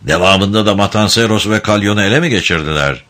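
A man's voice: fairly low pitch, quick pace, pushed and bright. A man voicing a stern male court official who questions a witness in a formal, probing way. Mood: questioning.

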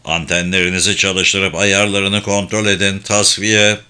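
A man's voice: low-pitched, little pitch movement, unhurried, bright, forceful tone, smooth, heavily acted. A man voicing a brash, swaggering military pilot in an audiobook thriller. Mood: gruff. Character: gruff boastful male military pilot.

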